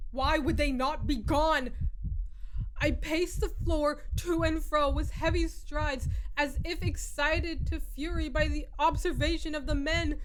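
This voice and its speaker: Hammy, high-voiced, tormented murderer. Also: female voice. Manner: hammy, theatrical stage delivery with drawn-out emphasis. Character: guilt-crazed murderer narrator, increasingly frantic, horror monologue. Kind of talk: dramatic reading of gothic horror story.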